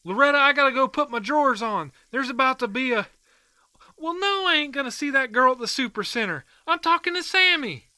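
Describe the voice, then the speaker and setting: A man's voice: extremely high pitch, very animated, brisk, bright, forceful tone, clear, resonant tone, dry recording, heavily acted. An actor playing a folksy, easygoing country man who calls in to a radio show, full of colorful sayings. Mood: flustered. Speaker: caller.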